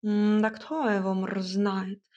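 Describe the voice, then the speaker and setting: A woman's voice: mid-range voice, level tone, a little mellow, muffled recording, close to an everyday voice. A woman doing a purring, grumbling tomcat. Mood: storytelling. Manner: slow, grumbling, purring between words. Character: grumbling proud male house cat. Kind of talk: audiobook character voice.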